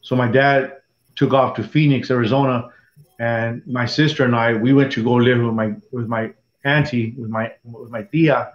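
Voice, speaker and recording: Speaking in an interview about his personal life, a former prison gang member in his sixties from Dallas, Texas rambles haltingly and keeps restarting. His medium-pitched voice holds a steady tone. The recording has an echoey room and a dull, lo-fi quality.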